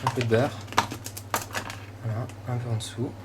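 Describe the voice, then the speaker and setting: A man's voice: mid-range voice, little pitch movement, moderate pace. French man demonstrating a recipe, noisy background. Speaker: cooking show host. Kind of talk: casual step-by-step recipe demonstration. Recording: clearly noisy room ambience behind voice.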